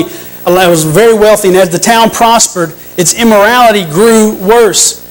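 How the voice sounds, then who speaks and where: A man's voice: high-pitched, rough recording. A man preaching a sermon to a congregation, earnest, often restarting and repeating phrases, sometimes asking the listeners questions.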